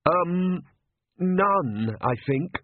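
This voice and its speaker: A man's voice: high-pitched, expressive, drawn-out words, dry recording, pitched above the performer's own voice, heavily acted. A man voicing a nervous, apologetic young priest who stammers and hesitates. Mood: fretful. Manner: stammering, hesitant, full of ums. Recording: tinny phone-like line.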